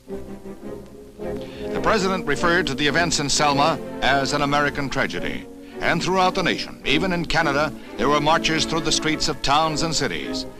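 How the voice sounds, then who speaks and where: Old newsreel narrator, a man over music. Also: a little high. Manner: formal, measured announcer delivery. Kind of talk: scripted 1960s newsreel narration. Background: music score under the narration.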